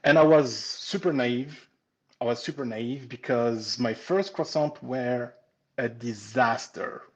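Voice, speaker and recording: A man from France in his forties, with a French accent, leads a casual live pastry-making webinar over a computer mic. He's friendly and talkative, with frequent "um"s and restarted sentences. His mid-range voice takes it slowly, and the recording is low quality.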